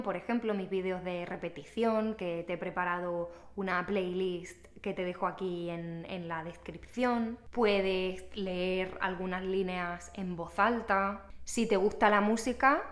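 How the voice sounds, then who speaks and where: A young woman teaching a language, talking casually to camera and explaining each point clearly and patiently to the viewer. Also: mid-range voice, fairly even intonation, a little slow, hardly any pauses. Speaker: Spanish teacher.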